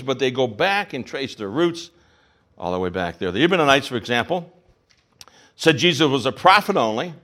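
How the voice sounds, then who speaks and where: A man preaching a sermon from the pulpit, his pitch rising and falling a great deal as he teaches. He asks his listeners question after question and repeats key phrases for weight. His voice sits a little higher than most men's. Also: a bit bright. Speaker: pastor.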